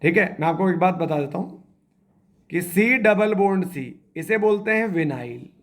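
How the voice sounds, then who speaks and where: A man's voice: sits high, expressive, normal speed. A man teaching a chemistry class, quizzing the students and repeating their answers as he spells out structures step by step. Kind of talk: classroom lecture.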